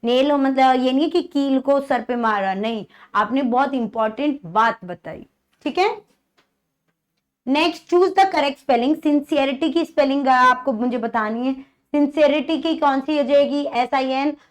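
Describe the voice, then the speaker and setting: Young Indian woman as children's English tutor; high-pitched, slow, coaxing, repeats questions to the class. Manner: slow, drawn-out reading of example sentences. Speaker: teacher. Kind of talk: exam-prep English lesson for children.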